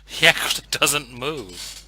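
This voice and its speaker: A man's voice: mid-range voice, expressive, slow pace, bright, forceful tone, low-quality recording. A man narrating as game master in a tabletop game, easygoing and hesitant, often saying "kind of".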